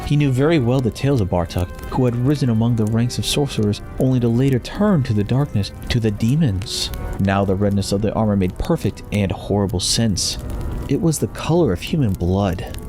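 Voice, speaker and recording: A man's voice: fairly low pitch, lively intonation, fairly quick, dark tone, soft background music. A man giving a solemn, theatrical scripted narration of a fantasy story.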